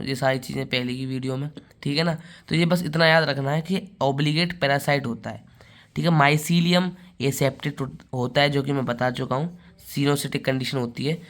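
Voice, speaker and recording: Guy teaching bio class, slightly high voice, keeps asking "ok?" and spelling out terms slow. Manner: checks in with rhetorical questions, repeats terms slowly. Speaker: biology teacher. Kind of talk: classroom lecture.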